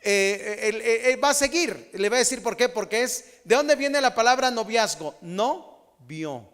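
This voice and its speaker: A middle-aged man preaching a humorous, animated sermon as a pastor. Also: extremely high pitch, moderate pace, smooth, long reverb tail.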